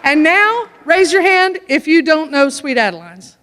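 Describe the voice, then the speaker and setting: A woman's voice: high-pitched, unhurried, a little hiss or hum. A woman, a chorus singer, telling a folksy, funny story to a church audience. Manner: folksy, animated joke-telling. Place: church sanctuary. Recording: echoey church hall.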